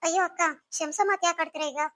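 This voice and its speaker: A woman's voice: extremely high pitch, steady tone, very fast, a bit bright. A woman voicing a hurt, bitter young pregnant wife in a cartoon story, speaking in a reproachful, pleading way.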